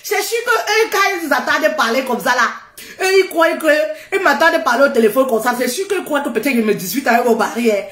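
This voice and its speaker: A high-pitched woman speaks loudly in a casual motivational talk, laughing freely and hammering her points home by repeating them. The sound is roomy and echoing. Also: expressive, fast. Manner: loud, laughs often, repeats phrases for emphasis.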